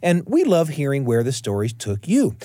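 A man co-hosting a podcast in a conversational, expressive way. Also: mid-range voice, moderate pace, no room sound, clean studio sound. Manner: expressive, animated delivery. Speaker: podcast co-host.

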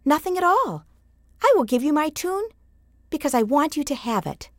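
A kindly street musician in a storybook speaks softly and warmly , played by a woman narrator. His voice lilts gently. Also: high-pitched, sing-song, normal speed, dry recording, studio quality. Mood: gentle. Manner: gentle, kind.

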